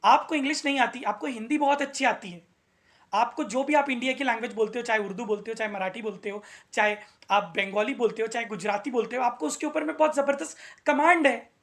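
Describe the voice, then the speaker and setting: A man's voice: very high voice, fast, fairly bright tone. Earnest male teacher repeating key points. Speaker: English teacher. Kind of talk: motivational video lesson.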